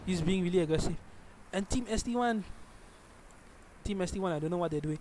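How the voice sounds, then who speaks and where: Over a steady background hum, a high-voiced young man with a Malaysian accent does live tournament commentary on an esports match he's streaming. Quick to get worked up, he keeps fixing his words partway through phrases.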